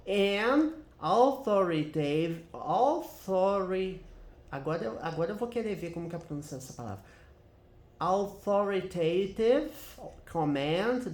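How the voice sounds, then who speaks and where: A Brazilian man walks viewers through an English grammar lesson in a chatty teaching voice. His pitch swings up and down, and he keeps checking in with them as he goes. The recording has a noticeable roomy echo. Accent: Brazilian Portuguese. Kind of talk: screen-share grammar lesson.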